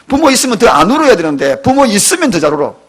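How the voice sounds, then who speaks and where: A high-pitched, husky-voiced pastor in his fifties delivers an emotional church sermon. He swings between quiet asides and dramatic, near-tearful cries. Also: very animated, fast talker. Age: 50s. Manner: emotional, dramatic preaching with sudden loud cries. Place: church sanctuary.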